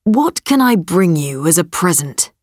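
A woman's voice: lowish voice, sing-song, unhurried, darkish tone, dry recording, clean studio sound. Woman reading a worried merchant father. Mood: earnest.

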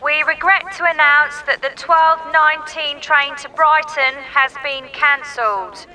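Woman, train platform announcements, slow formal delivery, high clear bright voice. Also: fairly even intonation, poor audio. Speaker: station announcer. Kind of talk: scripted public announcement.

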